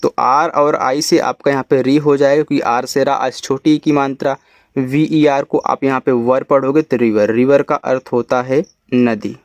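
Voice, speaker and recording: A man's voice: mid-range voice, fairly even intonation, normal speed, no room sound. A man with a Hindi accent teaching English reading, spelling each word out letter by letter and then explaining it patiently.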